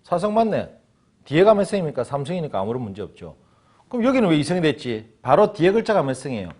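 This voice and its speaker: Lively guy teaching chinese, bounces up and down a lot, acts out little scenes. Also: on the high side, fast. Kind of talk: lively classroom lecture.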